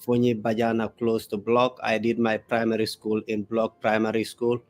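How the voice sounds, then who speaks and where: Halting Gambian male political analyst. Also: lowish voice, completely flat delivery. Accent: Gambian English. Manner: halting, with many filler pauses. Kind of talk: live interview answers.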